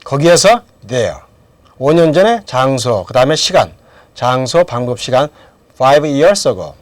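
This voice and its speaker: A man's voice: medium pitch, sing-song, takes it slowly, dry recording. A middle-aged man teaching English grammar in a lecture, asking questions and then answering them himself. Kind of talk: lecture with drills.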